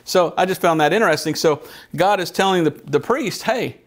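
A man's voice: a little high, fairly quick. A man preaching a Bible study in church, telling stories in a chatty way and putting questions to the congregation. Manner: conversational storytelling, asks the congregation questions.

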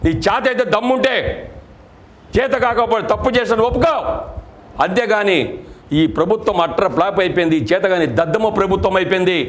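A man's voice: high voice, brisk. A middle-aged man, a party district president, giving an angry political press statement full of accusing rhetorical questions. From Andhra Pradesh, India.

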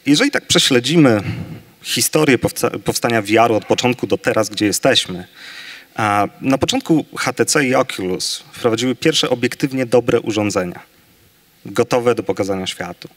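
This is a conference debater on virtual reality, a man holding a handheld mic on a big stage as he confidently presents his side of a staged debate. He rattles off facts briskly in a mid-range, fairly bright voice.

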